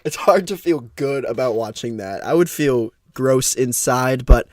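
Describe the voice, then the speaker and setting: A man's voice: medium pitch, expressive, measured pace, a little mellow, no room sound. A young man co-hosting a casual podcast, rambling, laughing often and trailing off mid-sentence. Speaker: podcast co-host.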